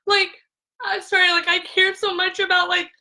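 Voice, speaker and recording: A woman's voice: very high voice, level tone, normal speed, creaky, pushed and bright, poor audio. A young woman talking on a phone live stream, rambling and emotional, full of "like," tearful at times. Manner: filler-heavy, repeats "like" constantly. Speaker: essential oils seller.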